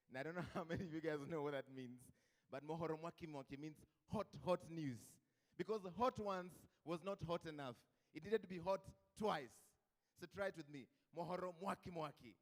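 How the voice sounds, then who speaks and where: A man with a Kenyan accent hosting a live event, chatty and joking, mixing Swahili into his English. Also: on the high side. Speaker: event host. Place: event hall with a live audience. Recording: long hall reverb.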